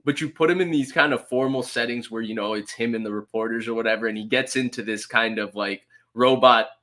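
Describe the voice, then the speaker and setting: Bright-voiced chatty man hosting a sports podcast. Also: medium pitch, fairly quick. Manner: chatty and observant, many fillers like "like". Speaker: podcast host. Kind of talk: casual sports talk.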